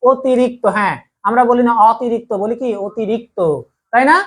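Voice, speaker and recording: A man's voice: very high voice, steady tone, quick pace, a bit bright. A young man with a Bangladeshi Bengali accent teaching an online grammar class, repeating each point and checking over and over whether everyone has understood. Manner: repetitive, drilling, keeps asking if all is clear.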